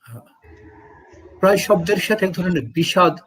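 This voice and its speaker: A man judging a recitation contest, giving gentle, hesitant feedback with pauses. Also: high-pitched, husky, low-quality recording. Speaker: recitation competition judge. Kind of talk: spoken critique of a recitation.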